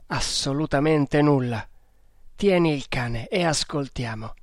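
A man's voice: mid-range voice, measured pace, no echo, clean studio sound, close to an everyday voice. A man reading aloud voicing a watchful Indian man on guard, speaking in alert, tense replies in a storybook.

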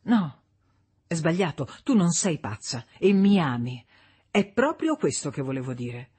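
A reader voicing a flustered young husband in an audiobook, speaking in a strained, low, tense way. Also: very animated, a little slow, darkish tone, slightly rough, heavily acted. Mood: pleading. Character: flustered young husband, pleading then cursing. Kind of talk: audiobook character reading.

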